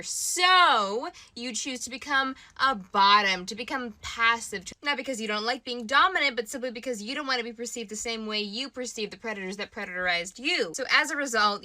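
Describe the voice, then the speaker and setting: A woman speaking earnestly and thoughtfully, pausing as she works through her point. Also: on the high side, pushed and bright. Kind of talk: reflective challenge monologue.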